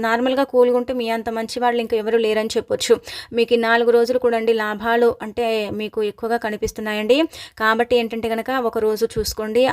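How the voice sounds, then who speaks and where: A woman presenting astrology predictions and devotional remedies, talking quickly and correcting herself often. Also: fairly high pitch. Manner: rapid flat delivery with frequent self-corrections and filler phrases. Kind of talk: fast devotional astrology talk.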